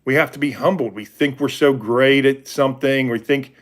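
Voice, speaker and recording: A man's voice: mid-range voice, steady tone, normal speed. A man in his forties hosting a livestream, talking about faith with viewers in a rambling, candid way that often restarts and corrects itself. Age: 40s. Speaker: livestream host. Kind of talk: casual faith talk with viewers.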